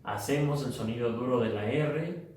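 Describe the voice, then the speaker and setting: A man teaching English pronunciation, patiently explaining and repeating example words slowly. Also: medium pitch, darkish tone, very echoey, recorded from a distance, low-quality recording. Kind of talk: pronunciation lesson.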